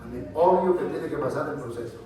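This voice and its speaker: A man's voice: fairly high pitch, brisk, mellow, a little hiss or hum. A man with a Colombian accent preaching a Sunday sermon, punctuating it with frequent amens and questions to the congregation. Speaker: pastor. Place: church. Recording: echoey church hall, mic far off.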